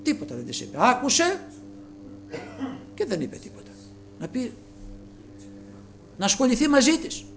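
Preacher, male, very high voice, earnest sermon delivery with soft and raised passages. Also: wildly swooping pitch, vocal fry, pauses often, slight background noise. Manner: earnest, addresses listeners as brothers, swings between soft and raised.

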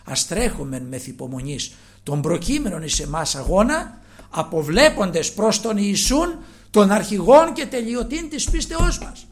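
Guy preaching a sermon, high voice that jumps all over, gravelly, swings loud to quiet. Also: sing-song. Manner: emphatic, swings between loud and hushed; rhetorical questions to the congregation.

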